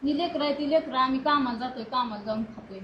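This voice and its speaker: Weary high-voiced village woman. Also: fast talker, roomy sound, muffled recording, slight background noise. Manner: plaintive, weary talk. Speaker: interviewee, family member.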